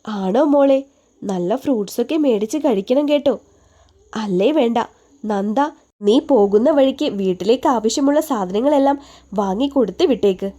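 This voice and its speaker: A woman's voice: on the high side, normal speed, mellow, close to an everyday voice. A woman voicing a caring older woman doctor who fusses over a younger woman like a mother, in an affectionate, coaxing way. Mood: fond, coaxing.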